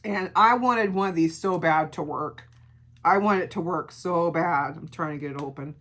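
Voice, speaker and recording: A middle-aged woman with a gravelly voice, chatting casually through a beauty product review and repeating words for emphasis. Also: on the low side, moderate pace, fairly bright tone. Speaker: beauty vlogger.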